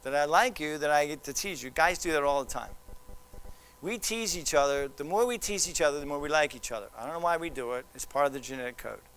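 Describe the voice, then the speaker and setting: Brief: male presenter, lively and playful, slightly high voice, faint hiss behind. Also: fast talker. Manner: animated, teasing, acts out quoted voices. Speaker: child development specialist. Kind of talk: presentation to parents.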